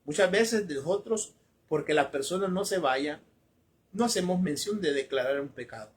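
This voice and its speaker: A man's voice: on the high side, lively intonation, moderate pace. A man preaching a sermon emphatically, repeating phrases for stress and correcting himself as he goes. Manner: corrects himself mid-sentence.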